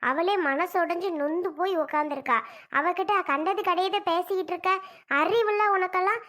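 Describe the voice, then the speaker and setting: A woman playing a stern, sharp-tongued mother-in-law who scolds a visitor in a homemade drama skit. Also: very high-pitched, moderate pace. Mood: scolding. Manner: scolding, commanding.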